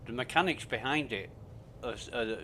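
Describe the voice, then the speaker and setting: A man's voice: medium pitch, animated, moderate pace, bright, forceful tone, slight background noise. A male streamer grumbling and swearing to himself while giving casual commentary on his gameplay. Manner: talks to himself while playing. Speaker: game streamer.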